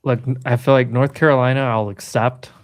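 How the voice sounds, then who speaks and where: A man's voice: mid-range voice, steady tone, brisk. A man from New England hosting a live trading stream, bantering casually and teasing his co-hosts with firm opinions.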